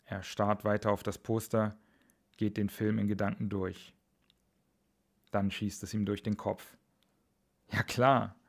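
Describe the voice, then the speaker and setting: A man with a low, gravelly voice reads a thriller aloud like an audiobook. His delivery is steady and measured, with a flat, even pitch that rarely rises or falls. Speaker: author reading his own novel. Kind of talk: audiobook-style thriller reading.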